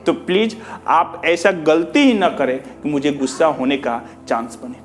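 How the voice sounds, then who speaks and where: Earnest man, fairly high voice. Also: lively intonation, moderate pace, soft background music. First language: Bhojpuri. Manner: earnest, repetitive, rhetorical questions, mixes in English. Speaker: teacher. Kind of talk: addressing students, reading out feedback.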